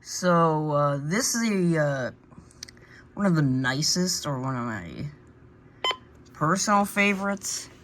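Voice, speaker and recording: Animated but slow, with frequent pauses, this collector's mid-range, slightly bright voice guides a casual tour of his radios at home by the shelves. He's hesitant and meandering, often drifting off mid-thought, on a noisy amateur recording.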